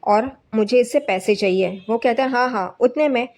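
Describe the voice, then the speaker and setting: A woman's voice: on the high side, normal speed, a little mellow. Woman casually recapping a TV serial. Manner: retells scenes and quotes characters' lines in a plain voice. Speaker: narrator recapping a TV serial episode. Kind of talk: casual spoken recap narration.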